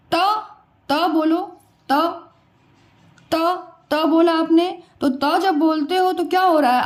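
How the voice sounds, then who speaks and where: A woman's voice: extremely high pitch, darkish tone. A woman teacher giving a pronunciation lesson, patiently repeating each sound and quizzing her students.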